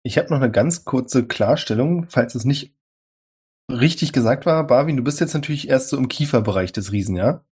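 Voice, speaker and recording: A man leads a tabletop role-playing session as game master, describing scenes and rulings in a calm, explanatory way. His voice has a husky, slightly breathy edge. Dry humor slips into his narration. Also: medium pitch, normal speed.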